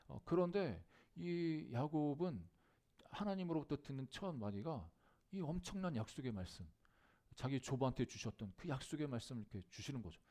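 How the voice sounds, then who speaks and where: A male pastor delivering a Sunday sermon at a middle pitch. He speaks earnestly, slowing down and lifting his voice on key phrases, with frequent "uh" fillers between thoughts. It sounds like a church service. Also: dark tone. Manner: earnest preaching with frequent filler "uh" and rising emphatic bursts. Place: church sanctuary.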